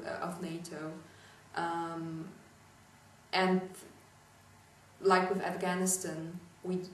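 A woman's voice: on the low side, slight background noise. A young woman from Poland gives a thoughtful, hesitant interview answer in an indoor room. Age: young adult. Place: indoor room with lamp and furniture. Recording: echoey room, distant mic.

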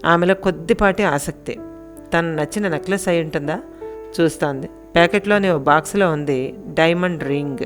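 Calm woman narrating an audio story. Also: low-pitched, normal speed, soft background music.

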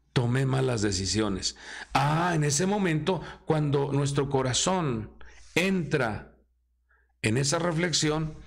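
Man preaching from the pulpit: slow and theatrical, raspy fry. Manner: dramatic preaching, acting out quoted voices with swings in pitch. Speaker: apostle preaching. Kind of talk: sermon.

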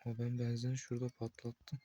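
A young man playing a horror game, talking to himself with excited outbursts and cursing at the game. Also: mid-range voice, fast talker. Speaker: gameplay streamer. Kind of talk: casual gameplay commentary.

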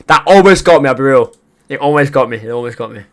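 A man's voice: medium pitch, expressive, fast talker. A man hosting a reaction video, talking casually to his chat, rambling and repeating himself.

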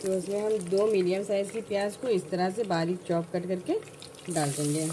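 A woman narrating a home cooking tutorial, calmly explaining each step in order. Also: mid-range voice, moderate pace, background noise. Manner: calm step-by-step instructions. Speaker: cooking channel host.

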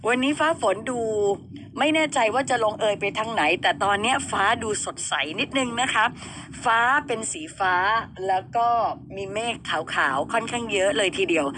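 A woman's voice: fairly high pitch, expressive, normal speed, noisy background. A woman in her thirties hosting a radio show, chatting casually and throwing rhetorical questions at listeners and her co-host.

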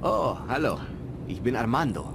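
A man's voice: medium pitch, big pitch swings, moderate pace, vocal fry, noisy background. A man voicing a jovial, teasing bodybuilder. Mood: friendly. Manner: jovial, teasing, drops Spanish phrases. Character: cocky Argentine male bodybuilder, teasing. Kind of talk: fan-dubbed adventure game dialogue.

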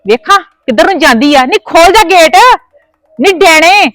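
A woman playing a shrill scolding mother-in-law. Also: brisk, a bit bright, no echo, soft background music, rough recording. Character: scolding quarrelsome mother-in-law, shut out of the house. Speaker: actor. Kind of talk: village family drama acting.

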